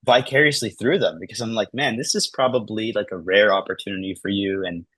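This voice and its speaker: A man in his thirties talking casually as a podcast guest, acting out everyday conversations in lively voices and often saying "like" and "man". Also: lowish voice, brisk, husky, dry recording. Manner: animated, acts out dialogue in lively voices, says "like" and "man" often.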